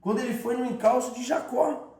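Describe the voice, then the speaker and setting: A man's voice: extremely high pitch, brisk, dark tone, roomy sound. A man preaching a sermon as a bishop with a Brazilian Portuguese accent, emphatic and repetitive, firing rhetorical questions.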